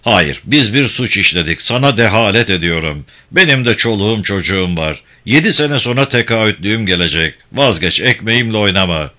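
This is a volatile male prison director, put on by a reader in a spoken story. He blusters and threatens in a bright, lively voice that swings up and down. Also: lowish voice, fairly quick, hardly any pauses, pitched below the performer's own voice. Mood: pleading.

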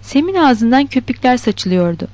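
A woman reading a novel aloud in steady, even storytelling narration. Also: sits high, normal speed. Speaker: audiobook reader. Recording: dull lo-fi recording.

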